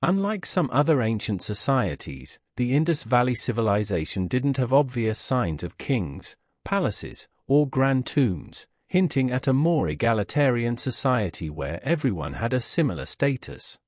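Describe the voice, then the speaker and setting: A man narrating a documentary script with measured, careful delivery. His pitch moves a lot, rising and falling through each sentence. The sound is close and dry, with no room around it. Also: very animated, darkish tone, no room sound.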